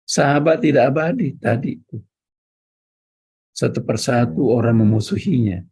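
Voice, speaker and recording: An Islamic preacher delivers a religious lecture in a measured, teaching style, addressing his listeners directly and repeating key words for emphasis. His voice is warm and medium-pitched with a breathy edge.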